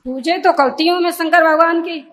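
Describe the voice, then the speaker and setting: A woman from Uttar Pradesh with a high voice calls in to an astrologer. She answers briefly and mostly agrees. Her replies are short and to the point. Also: steady tone, normal speed, fairly bright tone, a little hiss or hum. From India, Uttar Pradesh. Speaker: caller. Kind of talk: phone-in consultation.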